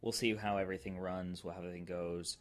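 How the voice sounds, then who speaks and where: A man's voice: sits low, little pitch movement, fast. A man hosting his own podcast, giving a casual, rambling update with many ums and restarts. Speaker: podcast host.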